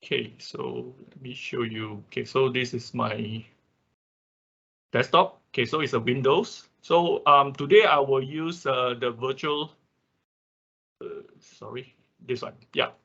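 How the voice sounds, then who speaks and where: A male workshop instructor walks through a software tutorial step by step, unscripted and halting, often repeating "okay" and "right" to mark each step. His mid-range voice has fairly even intonation and some vocal fry. The online class audio is dull and lo-fi.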